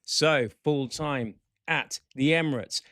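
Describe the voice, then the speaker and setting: A man hosting a chat show, excitable and talkative. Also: fairly high pitch, slow pace, no echo, clean studio sound. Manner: excitable, chatty, animated. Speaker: podcast host.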